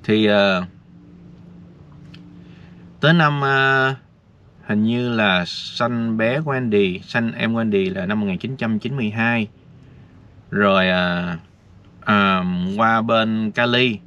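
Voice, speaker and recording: A man's voice: fairly low pitch, takes it slowly, long pauses, bright, forceful tone. Chatty man. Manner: chatty, addresses viewers directly, rambling. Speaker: vlogger. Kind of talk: casual talk to viewers. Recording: dull lo-fi with faint noise.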